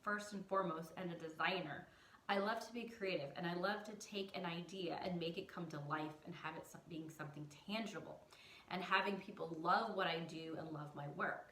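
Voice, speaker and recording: A woman's voice: lowish voice, brisk, a bit bright, recorded from a distance, slight background noise. A woman who teaches design, talking to viewers in a chatty, emphatic way with self-mocking humor. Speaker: design educator. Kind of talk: casual teaching monologue. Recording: roomy echo, voice off-mic.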